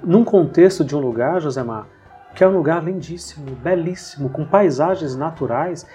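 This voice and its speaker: A man hosting a casual podcast conversation, telling anecdotes in a lively way. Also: fairly high pitch, normal speed, faint music behind. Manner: storytelling, animated retelling of anecdotes. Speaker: podcast host. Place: lives in São Paulo.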